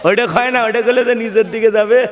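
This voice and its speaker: A high-voiced male preacher delivers a dramatic sermon, slipping into the voices of the people in his stories. He keeps turning to the crowd for responses. The sound rings with echo and a long trailing reverb. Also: fairly even intonation, brisk. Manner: dramatic, acts out characters in his storytelling; addresses the crowd directly and asks for responses. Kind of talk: Bengali waz sermon storytelling. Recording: echoey venue with long reverb.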